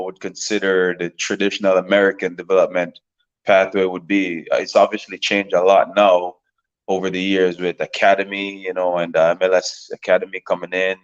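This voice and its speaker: A man in his thirties from Jamaica talks through his story in a relaxed, rambling way, looping back on his words. His voice sits very low. The recording sounds a little dull and lo-fi. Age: 30s. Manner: relaxed, rambling with many fillers and repeated words. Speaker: professional soccer player, guest. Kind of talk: casual interview talk.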